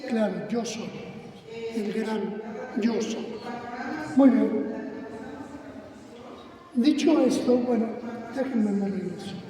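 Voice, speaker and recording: Slow preacher in an echoing church. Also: male voice, sits high, crowd noise. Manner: teacherly, quizzes the congregation with questions. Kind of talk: teaching sermon. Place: church sanctuary. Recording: echoey hall, distant mic, congregation noise.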